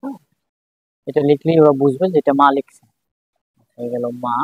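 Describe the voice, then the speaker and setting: A man's voice: a little high, normal speed, breathy edge, no room sound. Man teaching Japanese letters over a tinny line. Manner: patient, repeats each syllable several times. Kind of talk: step-by-step writing lesson. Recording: dry, phone-like tinny sound.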